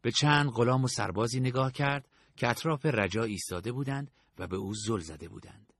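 A man reads a story aloud with a steady, even storytelling delivery. His voice sits at a middle pitch, and the recording sounds dry and close, with no room around it. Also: husky, dry recording. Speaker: narrator. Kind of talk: audiobook narration.

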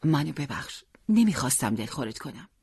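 A calm, determined teenage boy in a storybook, speaking gently and earnestly with a lively rise and fall, as the audiobook reader puts him on. The voice is slightly breathy and recorded close and dry. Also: mid-range voice, dry recording, full character voice.

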